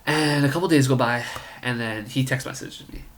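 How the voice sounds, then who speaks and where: A man's voice: medium pitch, normal speed, fairly bright tone, slight background noise. A man in his twenties casually telling a story about his own life, rambling and full of "like" and "you know". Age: 20s. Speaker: college student storyteller.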